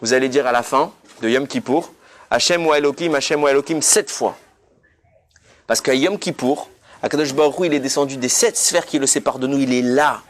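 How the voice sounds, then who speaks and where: A man's voice: medium pitch, fairly quick. A man giving a passionate sermon, emphatic and sprinkling in Hebrew terms. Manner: emphatic, rising to near shouts; mixes Hebrew terms into casual speech. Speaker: rabbi giving a weekly Torah talk.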